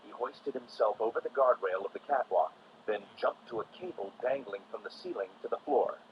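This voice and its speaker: A man reading a storybook aloud on a stream, with expressive delivery. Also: lowish voice, normal speed. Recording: dull lo-fi recording with faint noise.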